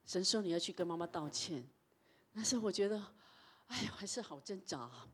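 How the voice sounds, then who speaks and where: A middle-aged woman pastor, preaching a sermon and telling personal stories, swinging between loud emphasis and hushed tones. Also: medium pitch, expressive, a little fast, breathy edge.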